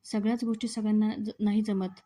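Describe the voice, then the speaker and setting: Stubborn young man playing trainer to his wife, read by a woman; even-pitched, warm-dark voice. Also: a little fast, lightly acted. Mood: lecturing. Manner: stubborn, lecturing. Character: strict young husband acting as fitness trainer.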